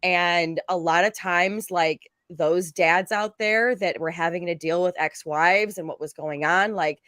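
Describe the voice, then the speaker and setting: A woman's voice: lowish voice, fairly even intonation, measured pace, fairly bright tone, no echo, studio quality. A woman chatting casually on a panel in a rambling, conversational way.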